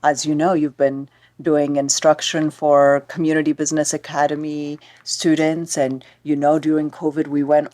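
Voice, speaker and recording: Woman from Ethiopia, podcast host, measured and reflective, warm dark tone. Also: deep voice, level tone, no room sound. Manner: thoughtful, measured, affirming. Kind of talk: reflective conversation.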